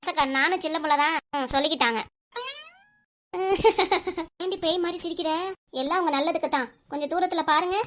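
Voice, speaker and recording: A woman's voice: high-pitched, fast talker, a bit bright, a little hiss or hum. A woman performing a chatty, teasing village gossip comedy, voicing several women.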